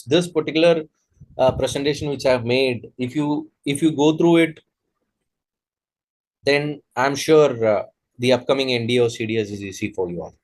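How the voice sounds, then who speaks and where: Here the same kind of speaker appears: a thirtysomething man, an exam coach with an Indian English accent, leading an online class. His medium-pitched, somewhat dark voice comes through a rough recording. He is sincere but unsure, frequently starting his sentences over.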